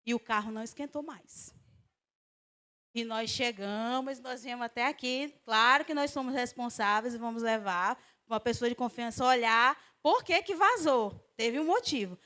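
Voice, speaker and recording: A woman from Brazil preaching a sermon, telling a personal story with emphatic swings in her voice. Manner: emphatic, storytelling, voice swings high and loud on exclamations. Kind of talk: sermon with testimony.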